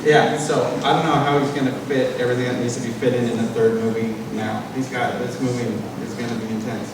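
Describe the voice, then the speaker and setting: Speaking quickly in a flat, mid-range voice, this male panel host gives a casual, filler-heavy presentation in a big convention hall. There's background noise, and the recording is echoey from a mic placed far away.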